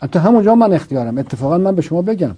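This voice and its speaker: Teacher, male, very dark and husky voice, lively pitch, didactic and argues by rhetorical questions. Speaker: religious philosophy teacher. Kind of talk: didactic philosophical explanation.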